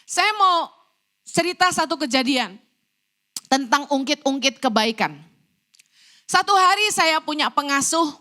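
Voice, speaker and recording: A middle-aged woman preaching a church sermon, telling a personal story in an animated way and acting out the lines people said to her. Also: sits high, measured pace, pauses often. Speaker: evangelist preacher.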